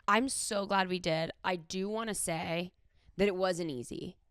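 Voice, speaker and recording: A woman chatting casually as a co-host, retelling conversations in an animated way with quoted lines and lots of filler "like". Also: lowish voice, measured pace, smooth, no room sound, clean studio sound. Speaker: podcast or vlog co-host. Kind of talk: casual chat about their own wedding.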